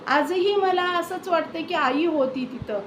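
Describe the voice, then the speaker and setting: A woman casually retelling a devotee's spiritual experience, with hesitant pauses and fillers. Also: very high-pitched. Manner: hesitant, many fillers and restarts. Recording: roomy echo with faint background hiss.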